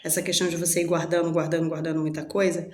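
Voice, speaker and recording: A woman's voice: low voice, flat delivery, very fast, a little mellow, reverberant, a little hiss or hum. A woman hosting her own channel, sharing personal reflections in a candid, chatty way and acting out her inner dialogues. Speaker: channel host.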